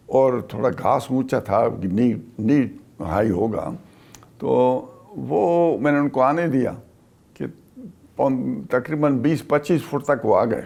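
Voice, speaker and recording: An older man from Pakistan, a retired army officer, recounts a wartime memory in an interview, speaking haltingly with many pauses. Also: medium pitch, vocal fry, darkish tone.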